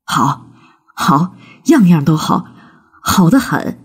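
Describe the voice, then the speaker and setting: A woman voicing an earnest young male scholar who speaks gently and naively, in a storybook reading. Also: deep voice, very animated, slow, breathy edge, full character voice. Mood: gentle.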